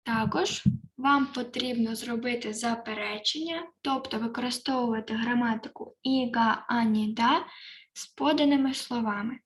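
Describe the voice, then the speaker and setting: A woman teaching a Korean lesson online, saying each word twice slowly and explaining it plainly. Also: on the high side, a bit bright.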